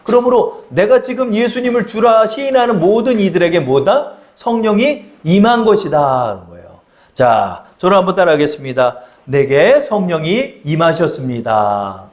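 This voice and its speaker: A male pastor delivers a sermon in a high, animated voice that rises and falls widely. He keeps asking his congregation questions and has them say lines back to him. The recording is dull and lo-fi. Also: moderate pace. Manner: acts out the tempter's taunting voice in quoted lines.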